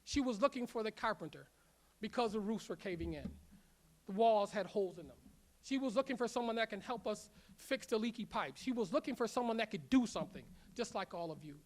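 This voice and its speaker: School leader, commencement speech, emphatic, repeated rallying lines, halting fillers off-script, middle pitch. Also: expressive. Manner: emphatic, repetitive rallying phrases, leads call-and-response; halting with frequent "uh" fillers when speaking off-script. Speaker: culinary academy leader giving graduation address. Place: large ceremony room.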